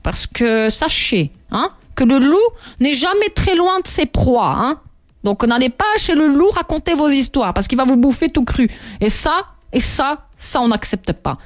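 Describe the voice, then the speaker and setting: A woman host speaking in a slightly high voice with bursts of humor, repeating her points and cutting herself off as she goes. The recording is dry and close, with no room sound. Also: no echo. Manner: animated, jokey, self-interrupting, repeats herself. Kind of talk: casual motivational talk.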